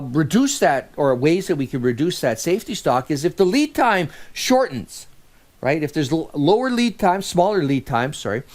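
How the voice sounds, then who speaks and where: A man's voice: medium pitch, a little mellow. A man giving a recorded lecture as an instructor, talking in a conversational way and often restarting or correcting himself.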